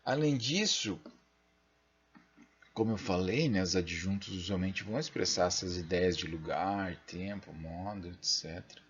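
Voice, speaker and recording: A man's voice: sits low, a little slow, a bit bright, highs cut off. A Brazilian man giving a recorded linguistics lecture, thinking aloud and checking in with frequent tag questions. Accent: Brazilian Portuguese. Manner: self-deprecating asides while using the mouse.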